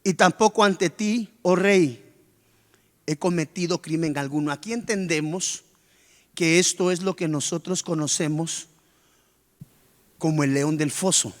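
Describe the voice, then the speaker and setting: A man preaching a sermon as pastor, with sudden surges of pitch and force, acting out worried church members. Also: measured pace, pauses often. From Guatemala. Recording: long reverb of a church hall.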